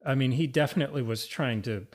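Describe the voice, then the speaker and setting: A man's voice: mid-range voice, fast. A man in a casual film discussion, talking in a hesitant, musing way with many restarts.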